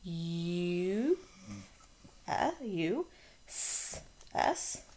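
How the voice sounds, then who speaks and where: A woman's voice: mid-range voice, animated, takes it slowly. A woman teacher recording a phonics lesson for young children, drawing out letter sounds in a sing-song teacher voice.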